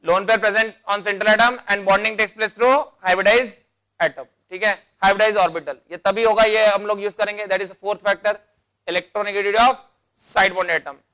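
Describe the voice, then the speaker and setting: This is a classroom chemistry lecture from a man whose high voice has a sharp tone, a slow pace, and fairly even intonation. Calling students "beta" and "bhai," he breaks things down step by step with terminology and answers his own questions along the way.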